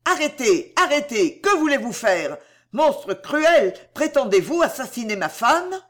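A passionate, remorseful young gentleman cries out his pleas in an audiobook, voiced by a woman reading aloud. The delivery swings widely in pitch and stays impassioned. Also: lively intonation, measured pace, lightly acted. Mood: furious. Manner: impassioned, pleading outbursts.

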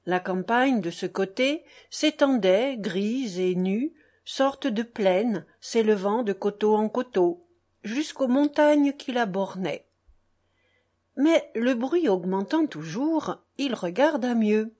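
A woman narrating a classic tale in a measured, expressive reading voice. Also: a little high. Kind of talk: audiobook narration.

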